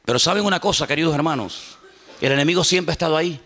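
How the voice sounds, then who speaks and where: A man preaching a sermon as a pastor, animated and humorous, acting out little dialogues. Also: a little high, fast. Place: church. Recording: church hall reverb.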